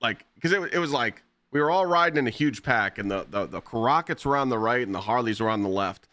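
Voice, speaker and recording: A man streaming live, telling blunt, profane stories in a casual, animated way. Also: medium pitch, fairly quick, no room sound. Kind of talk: casual storytelling while gaming.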